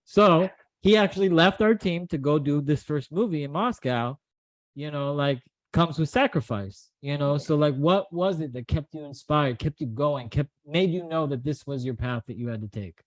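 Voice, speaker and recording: A man's voice: on the high side, normal speed, dry recording, rough recording. A man hosting a casual chat, asking rambling questions and joking about himself. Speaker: host.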